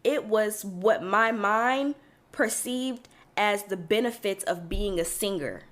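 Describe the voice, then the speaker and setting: A woman's voice: medium pitch, slow. A young adult woman hosting her own podcast, talking things through in a casual, reflective way with lots of fillers and restarts. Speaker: podcast host. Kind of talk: casual solo podcast monologue.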